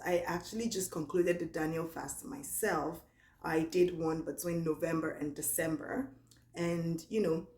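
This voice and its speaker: Young woman, Nigerian accent, lowish voice, relaxed chatty vlog talk, echoey room. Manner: chatty and relaxed, reads questions aloud slowly. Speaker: vlogger. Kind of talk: casual Q&A vlog.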